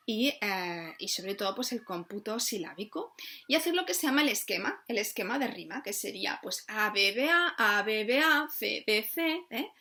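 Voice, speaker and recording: A woman's voice: medium pitch, pushed and bright. A woman, a literature teacher giving an exam review lesson and checking in with "¿eh?" and "¿no?" often. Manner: explanatory, frequent tag questions and fillers.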